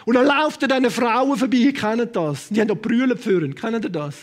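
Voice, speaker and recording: A man with a Swiss German accent preaching a sermon to a congregation, impassioned, swinging between loud proclamation and quiet asides and dropping in English words. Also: very high-pitched, a little fast. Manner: sprinkles English words into speech. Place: church hall with a congregation.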